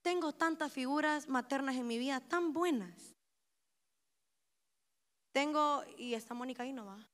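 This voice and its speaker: A young woman with a Honduran Spanish accent preaching a sermon at a women's conference, impassioned and climbing to loud emotional peaks. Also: sits high, a little slow, long pauses.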